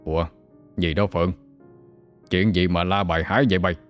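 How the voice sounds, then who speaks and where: Man voicing a gruff old exorcist, very low and heavy. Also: steady tone, fairly quick, soft background music, lightly acted. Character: old male village exorcist, gruff and weary.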